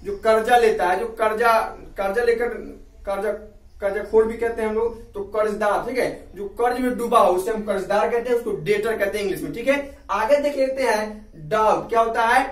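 A man's voice: high voice, brisk, recorded from a distance. A man with an Indian accent teaching an English video lesson, often asking a question and answering it himself. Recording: echoey room, off-mic.

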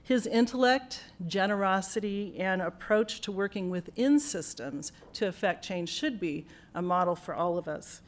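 A woman's voice: mid-range voice, animated, moderate pace, few pauses. A woman speaking as a college leader at a building dedication in a university auditorium, earnest and grateful, with frequent fillers and restarts. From United States. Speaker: college dean giving a dedication speech. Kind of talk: formal ceremony speech.

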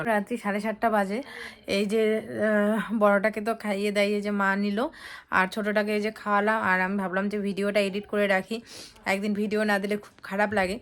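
Soft-spoken young woman vlogging. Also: medium pitch. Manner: soft-spoken, chatty, addresses viewers directly. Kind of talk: casual vlog narration.

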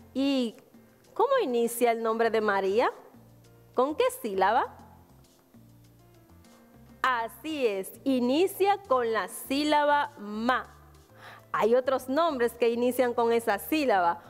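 A woman's voice: fairly high pitch, long reverb tail. A woman with a Dominican Spanish accent teaching a virtual class to young children, spelling out syllables patiently and answering her own questions. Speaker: primary school teacher.

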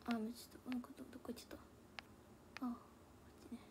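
A young idol livestreamer chats casually from a room at home, speaking a Hakata dialect blended with Kansai and often slipping into murmured asides to herself. Her voice is on the high side, flat, racing, and whispered, picked up by a tablet or phone.

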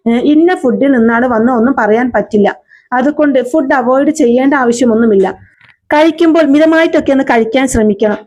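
A woman reads out a stern woman doctor, measured and lecturing. The voice sits high and is read plainly. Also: a little mellow.

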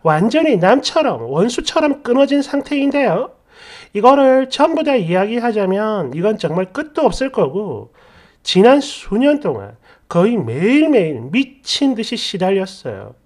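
A woman narrates a first-person story in an expressive, chatty way. Her voice sits a little high and swings freely in pitch. She sounds like she is confiding in listeners. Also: normal speed.

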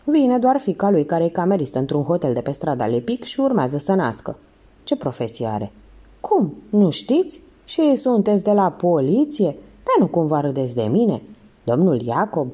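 A woman voicing a suspicious, gossipy female concierge who answers quickly and defensively. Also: lowish voice, big pitch swings, mellow, breathy edge. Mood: indignant.

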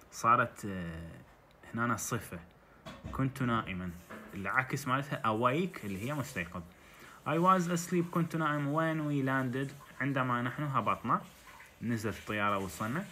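A man's voice: medium pitch, sharp tone, a little hiss or hum. A man with an Iraqi Arabic accent, teaching English by reading a textbook story and explaining it in dialect. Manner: reads English lines slowly, then translates into dialect.

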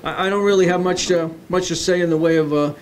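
A man who is a former council president giving informal thanks, halting and repeating words in a meeting room. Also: high-pitched, fairly even intonation. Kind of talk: informal acceptance remarks. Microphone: desk microphone.

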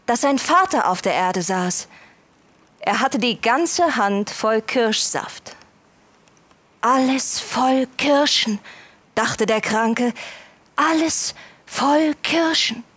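A woman reads a short story aloud in a slow, measured way. Her voice sits a little high. She lets each sentence settle. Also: fairly bright tone. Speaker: reader. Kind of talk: literary reading.

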